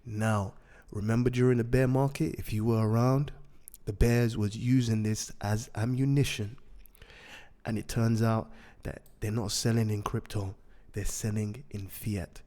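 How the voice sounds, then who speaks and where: A man with a raspy voice hosting a market update, repeating and rephrasing his points for emphasis. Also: fairly low pitch, fairly even intonation, a little slow, warm tone. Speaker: host of a daily crypto news show.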